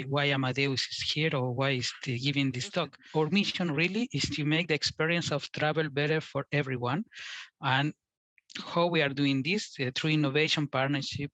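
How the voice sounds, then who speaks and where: Halting Chilean-born man giving a talk. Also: on the high side, pushed and bright, dry recording. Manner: halting, repeats words, non-native phrasing. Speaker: invited speaker. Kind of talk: conference talk.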